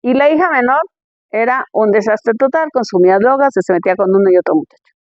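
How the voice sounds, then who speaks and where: A woman's voice: fairly high pitch, fast talker, darkish tone, dry recording, muffled recording. A woman pastor giving a conference sermon in a conversational way, firing rhetorical questions at her listeners.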